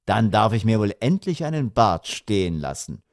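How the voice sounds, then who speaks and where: A man's voice: fairly low pitch, big pitch swings, moderate pace, creaky, no echo, studio quality. A man reading an audiobook voices an irritable, grumbling middle-aged father who protests indignantly.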